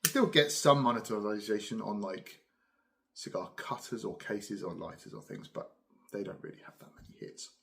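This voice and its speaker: Middle-aged southern English man, lowish voice, casual solo chat, musing and unhurried, pausing to puff a pipe. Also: lively intonation, gravelly. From Cambridge, England. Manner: unhurried, musing, with pauses between puffs on a pipe. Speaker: pipe-smoking video host.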